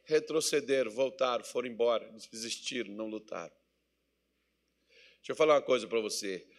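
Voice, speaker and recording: A Brazilian man preaching a sermon as pastor, swinging between loud exhortation and quiet asides, acting out little dialogues. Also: medium pitch, fairly quick. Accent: Brazilian Portuguese. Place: church meeting hall.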